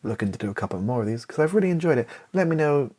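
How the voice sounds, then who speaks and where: With lively intonation and a dark tone, a British man speaks rapid-fire in a medium pitch, thinking out loud as he writes for an ASMR video. He sounds unsure of himself, wry, and quick to poke fun at himself. Keys tap and click in the background.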